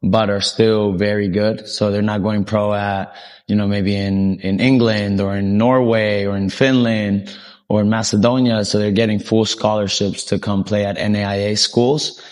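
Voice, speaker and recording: A young Colombian-born soccer coach tells his life story in a casual interview. He speaks at a normal pace in a lowish voice, relaxed and rambling, with frequent ums.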